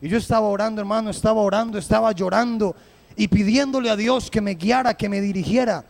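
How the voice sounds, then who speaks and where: A man preaching a fervent live sermon, who slows right down to read scripture with heavy emphasis. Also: high voice, gravelly.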